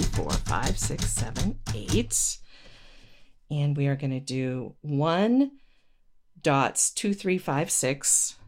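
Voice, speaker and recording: A woman giving a step-by-step instructional lesson, counting aloud in a patient, halting way and correcting herself as she goes. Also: sits low. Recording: noisy recording with paper rustle and clicks. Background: paper rustling and clicks.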